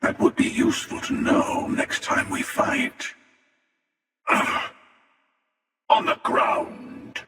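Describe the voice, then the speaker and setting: An actor playing a menacing, sardonic armored hunter in a video game, with a raspy whisper-like voice through a helmet filter, taunting and wry. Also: male voice, takes it slowly, pauses often, pushed and bright. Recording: echoing, distant, long reverberant processing.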